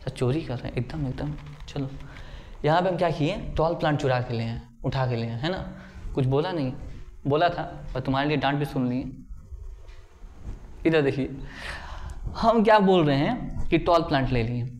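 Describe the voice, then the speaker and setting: A man's voice: a little high, lively intonation, normal speed, long pauses. Playful man teaching biology. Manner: playful, voices student questions himself and answers them; checks often whether the class follows. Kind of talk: classroom lecture.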